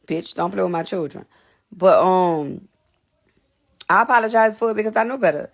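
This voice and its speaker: A young woman chatting straight to her livestream viewers, blunt and salty, circling back on the same words. Her voice has a gravelly fry underneath, and she is a little short of breath. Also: on the low side, normal speed. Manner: blunt, repetitive, profane. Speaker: livestream host. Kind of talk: casual livestream talk to viewers.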